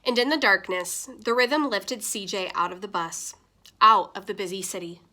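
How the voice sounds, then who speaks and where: Woman, teacher, picture book read-aloud, expressive, bright and clear. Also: mid-range voice, normal speed. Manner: expressive, lively storytelling.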